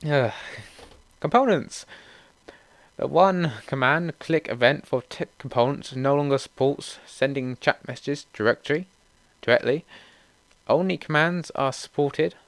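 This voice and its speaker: A young man hosting a gaming channel, reading out update notes in a steady run with casual asides. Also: a little high, unhurried, no echo.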